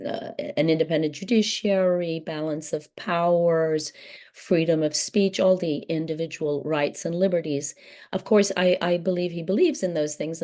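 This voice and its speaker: Croaky, hesitant woman with a dark voice. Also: deep voice. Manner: hesitant, many ums and restarts. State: hoarse from laryngitis. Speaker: book event moderator. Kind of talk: introductory remarks at a book talk.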